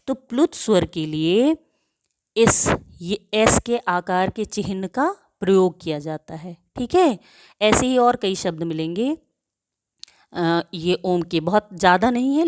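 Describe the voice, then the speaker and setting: A woman's voice: mid-range voice, a little mellow, dry recording, studio quality. A woman teaching a grade-school grammar lesson who asks her own questions and answers them, and drawls out example words to show how they sound.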